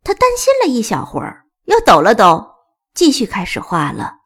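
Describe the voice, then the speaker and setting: A woman reading children's stories aloud in a lively, sing-song storybook narration. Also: medium pitch, moderate pace, breathy edge.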